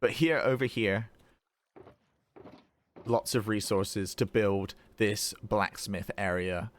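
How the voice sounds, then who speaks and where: Low-voiced rambling man. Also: takes it slowly. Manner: relaxed and rambling, with frequent fillers and small laughs. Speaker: gaming video host. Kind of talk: casual gameplay commentary.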